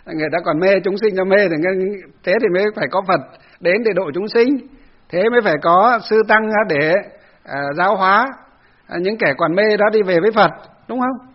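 A man's voice: high-pitched, brisk, highs cut off. A man, a Buddhist monk telling a story in a conversational dharma talk to lay Buddhists. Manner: storytelling, conversational, acts out quotes.

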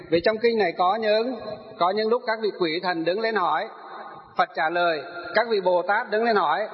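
In a muffled, dull-sounding recording, a high-voiced Buddhist teacher lectures on a sutra, raising rhetorical questions only to answer them. Each phrase fades into a lengthy reverb, as though he were in a large hall.

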